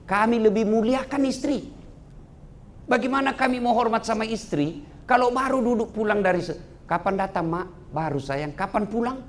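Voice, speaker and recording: A male preacher giving a humorous wedding sermon, teasing the couple and swinging between loud laughing highs and low solemn tones. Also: slight background noise. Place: event venue with live audience.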